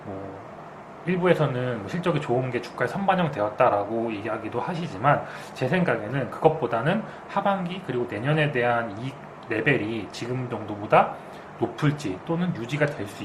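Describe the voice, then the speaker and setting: A man's voice: mid-range voice, lively intonation, a little fast. A man co-hosting an unscripted financial talk, speaking through a face mask and explaining carefully as he weighs his word choices. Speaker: co-host and market commentator. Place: makeshift indoor room, not a studio. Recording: clearly noisy, air conditioner hiss.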